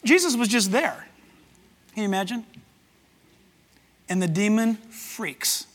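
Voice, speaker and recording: A man preaching a sermon as pastor to a church, animated and acting out voices as he goes. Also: high voice, takes it slowly. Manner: animated, acts out voices and quotes. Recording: hall with long reverb.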